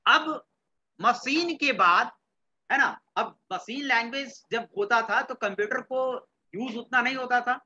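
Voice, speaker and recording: Male teacher, bright voice. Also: extremely high pitch, measured pace, lo-fi sound, slight background noise. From Bihar, India. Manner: quizzes students and repeats their answers; mixes English terms into Hindi. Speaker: computer science teacher. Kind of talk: classroom lecture.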